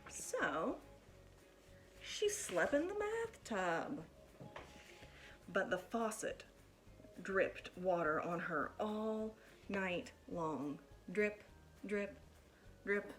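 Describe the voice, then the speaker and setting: A woman with a medium-pitched voice reads a picture book to children. Her storytelling is deliberate and expressive, much like a teacher talking to her pupils.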